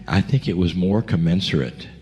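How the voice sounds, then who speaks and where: A man's voice: deep voice, animated, moderate pace, a little mellow. A man answering questions in a reflective, conversational, storytelling way. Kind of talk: casual chat.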